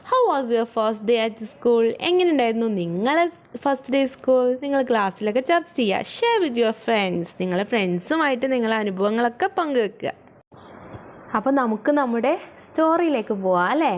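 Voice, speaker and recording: Slow, high-voiced woman teacher. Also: a little hiss or hum. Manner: slow, coaxing, asks questions and answers them herself. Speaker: school English teacher. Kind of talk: bilingual textbook lesson explanation.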